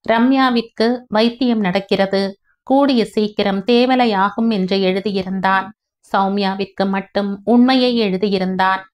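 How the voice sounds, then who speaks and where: A woman narrating a family novel at a steady, measured storytelling pace. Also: medium pitch. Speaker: audiobook narrator.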